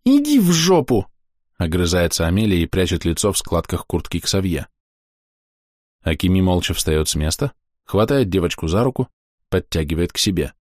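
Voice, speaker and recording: A man narrating an audiobook in a measured, expressive way. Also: low voice, no room sound, studio quality.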